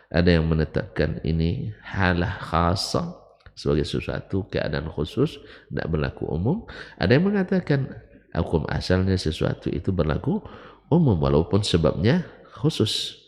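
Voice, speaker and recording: A man's voice: sits low, vocal fry, a little mellow. A middle-aged man giving a religious study lecture in a conversational way, telling anecdotes and rising into emphatic bursts. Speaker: Islamic teacher. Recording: long hall reverb.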